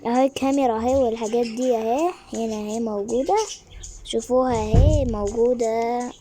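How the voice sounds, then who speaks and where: Excited Egyptian woman, high and fast. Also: slight background noise. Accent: Egyptian Arabic. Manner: excited, chatty, scolding kids aside. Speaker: gaming YouTuber. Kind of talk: casual gameplay commentary.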